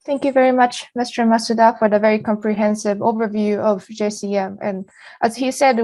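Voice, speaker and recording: A woman moderates a formal webinar, polite and a little hesitant between phrases. Her voice is gravelly with vocal fry, recorded close and dry with no room sound. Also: mid-range voice, a little mellow, dry recording.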